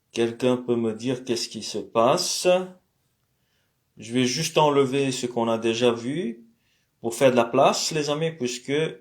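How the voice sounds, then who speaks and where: A man teaching an alphabet lesson in a casual, hesitant way, with many fillers, and repeating words slowly to show how they sound. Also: medium pitch. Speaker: language teacher.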